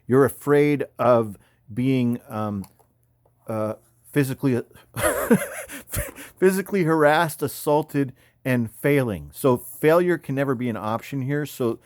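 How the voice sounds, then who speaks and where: A Californian army veteran in his fifties, once a paratrooper and combat medic, gives slangy, rambling commentary on photos in a casual way. His mid-range voice is expressive and a little mellow, and he takes it slowly. The sound is clean studio audio with no echo.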